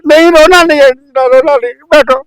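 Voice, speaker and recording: A man's voice: extremely high pitch, moderate pace, a bit bright. An actor playing a middle-aged, forgiving husband who soothes his wife in a village short drama. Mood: soothing. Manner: soothing, coaxing. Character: forgiving gentle husband, older father. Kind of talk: village short-film acting.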